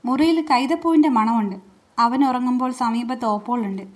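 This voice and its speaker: A woman narrates a novel aloud in a high voice. She tells the story in a calm, steady way. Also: normal speed.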